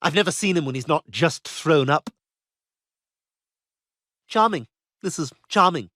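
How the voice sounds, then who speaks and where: Snooty British cartoon baby, catty, highish voice, close dry sound. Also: male voice, lively intonation, a little slow, pushed and bright, no echo, full character voice. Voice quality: posh, cutting, theatrical. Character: snobbish, catty baby boy. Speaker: patient. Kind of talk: cartoon voice acting.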